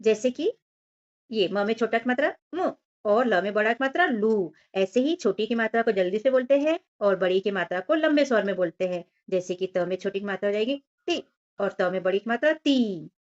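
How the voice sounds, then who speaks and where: A patient woman teacher walks young children through a workbook, stretching out each syllable slowly and explaining in plain, simple words. Her voice sits at an ordinary middle pitch. The recording is a little dull and muffled. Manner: slow, drawn-out syllable-by-syllable reading. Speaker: primary school teacher.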